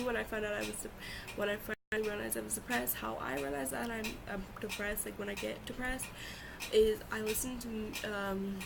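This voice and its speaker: A young woman chatting informally and haltingly in a confessional vlog, repeating words for emphasis. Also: mid-range voice, gravelly. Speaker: vlogger. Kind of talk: casual confessional vlog chat. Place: bedroom at home. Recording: loud fan noise in room. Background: two loud fans running.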